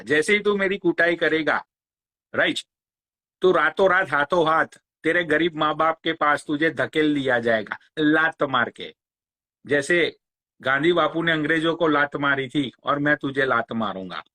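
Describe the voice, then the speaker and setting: A man, ranting on a phone live stream. He talks very slowly in a bright, fairly high voice and mocks his target with crude sarcasm. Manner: slow, crude, mocking, sarcastic challenges. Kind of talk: angry rant on a live stream.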